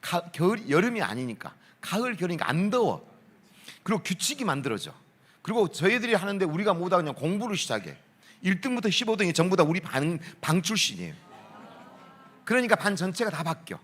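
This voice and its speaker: A man, a school principal telling stories at a worship concert, acting out voices and laughing often. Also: high-pitched. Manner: lively storyteller, acts out quoted voices, laughs often. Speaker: school principal giving a talk. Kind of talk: storytelling talk at a worship concert.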